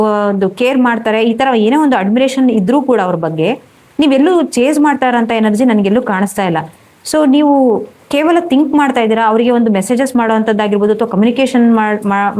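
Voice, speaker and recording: Higher-voiced woman giving a tarot reading. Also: darkish tone, low-quality recording. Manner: rambling, repetitive, many fillers and restarts. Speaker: tarot reader.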